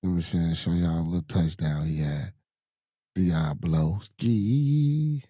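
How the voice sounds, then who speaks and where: A podcast host with a hoarse, low, dark and mellow voice runs a casual live-stream chat at a slow pace. He uses loose slang and mutters to himself while wrestling with the screen share. The audio is dry and close, with no echo.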